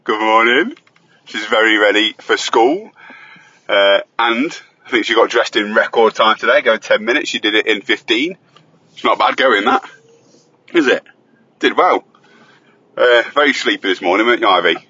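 A lowish, husky voice with a sharp tone speaks at normal speed, leaving long pauses. It belongs to a father hosting a casual school-run chat from his car on the road, full of banter and teasing. He records on a phone voice recorder, and the highs are cut off.

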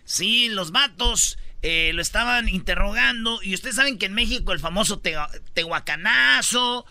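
A man with a Mexican Spanish accent hosting a comedy podcast, telling joking stories and shouting out quotes in put-on high voices. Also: moderate pace, no echo. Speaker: podcast host. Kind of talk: joking storytelling chat.

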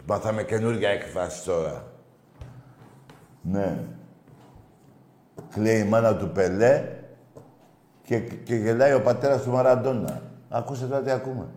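Low, mellow-voiced man joking with callers. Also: long pauses, roomy sound. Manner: mocking, excitable storyteller who teases callers. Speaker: call-in show host. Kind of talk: casual joking radio chat.

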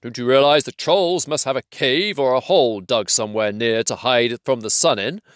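A man's voice: medium pitch, moderate pace, no room sound, clean studio sound, natural voice. Gandalf, a man doing a sly old wizard. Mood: brisk. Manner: sly and commanding. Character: old male wizard mimicking troll voices.

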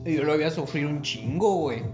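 A man's voice: on the high side, fairly quick. A young man with a Mexican Spanish accent, chatting casually and rambling with lots of slang and swearing. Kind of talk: casual chat. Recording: echoey room, dull lo-fi sound, music behind.

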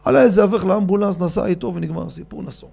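High, gravelly-voiced man preaching. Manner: animated, addresses the audience directly. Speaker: rabbi giving a lecture. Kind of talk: storytelling sermon.

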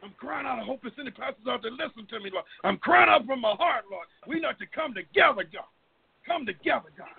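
Animated and fast, a middle-aged man prays aloud for a group in an extremely high, creaky voice with a breathy edge. His extemporaneous prayer is fervent and pleading, returning to God's name again and again, and the recording is tinny like a phone line.

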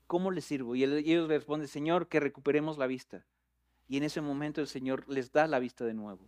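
Man, pastor's sermon, high voice, conversational, talks to the listeners, swells to loud emphatic peaks.

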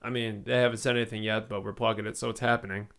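A man's voice: fairly low pitch, level tone, racing, vocal fry, a bit bright. Joking man co-hosting a podcast. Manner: loose, joking, swears freely. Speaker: podcast co-host. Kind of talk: casual podcast chat.

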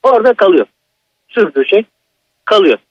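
A man phones in with his own horror story. His voice sits high and swings widely as he presses each point, with a husky edge. The phone line sounds dull and dry. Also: sing-song, normal speed, no echo. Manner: agitated, emphatic retelling. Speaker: caller. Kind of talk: telling a personal horror story.

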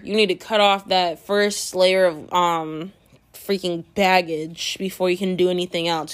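A woman vlogger chatting casually to her viewers, telling gossipy stories with lots of fillers and acting out what her friends said. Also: fairly low pitch. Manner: acts out quoted friends in her retelling.

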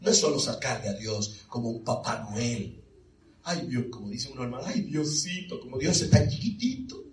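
Animated preacher in an echoey hall. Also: male voice, medium pitch, fairly quick. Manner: animated, calls on the congregation. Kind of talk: sermon. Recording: echoey hall, mic far off.

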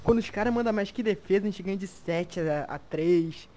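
Young casual talker, Brazilian Portuguese accent, animated slangy storytelling, mid pitch, faint background noise. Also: fairly quick. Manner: animated storyteller, acts out quotes.

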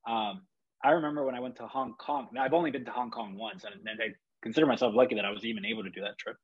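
A man's voice: mid-range voice, steady tone, racing, husky, highs cut off. A man from Chile, a photographer, talking in a rambling, reflective way with many fillers and restarts. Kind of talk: casual podcast chat.

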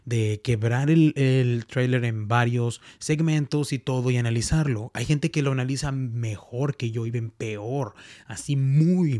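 A man's voice: medium pitch, dark tone. Guy rambling playfully on his podcast, breaking down a trailer, repeats himself a lot. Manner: chatty, playful, rambling with repetitions. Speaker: podcast host. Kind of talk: casual trailer breakdown commentary.

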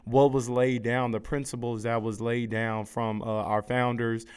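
A young American man with a smooth, clear voice of average pitch hosts a casual interview. He talks in an encouraging, slangy way, like a campus radio presenter. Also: level tone, unhurried, a little mellow. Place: radio studio.

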